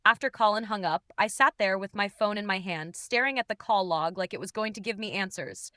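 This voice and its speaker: Female narrator, first-person drama, bright crisp voice, dry booth sound. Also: mid-range voice, brisk, no room sound. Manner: confessional, tense and dramatic. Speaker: storyteller.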